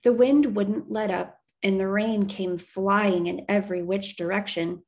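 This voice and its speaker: Reading a children's novel aloud, a woman performs as an expressive storyteller. Her voice is medium in pitch and her pace a little slow.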